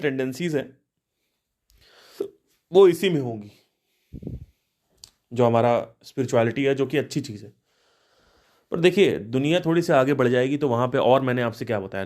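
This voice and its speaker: In a reflective spiritual talk, a man in his thirties hosting a podcast thinks out loud, often restarting and asking rhetorical questions. His voice sits on the high side, with a darkish tone.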